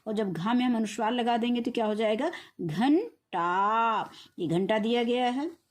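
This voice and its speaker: A woman's voice: a little high, a little mellow. A woman teacher giving a recorded reading lesson for young children, sounding out words syllable by syllable and answering her own questions. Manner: slow syllable-by-syllable spelling out words; asks questions and answers them herself. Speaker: primary school teacher.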